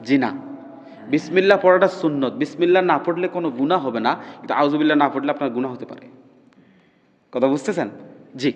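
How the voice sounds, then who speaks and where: High-voiced man teaching recitation. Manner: keeps checking the class understands, drawls demonstration sounds slowly. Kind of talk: classroom pronunciation lesson. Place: classroom with students. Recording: dull, reverberant hall recording.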